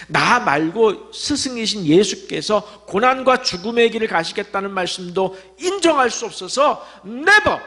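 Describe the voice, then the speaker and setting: High-voiced Korean pastor preaching dramatically. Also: male voice. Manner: dramatic, shifts from booming quotes to hushed asides. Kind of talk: sermon. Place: church sanctuary. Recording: long church reverb.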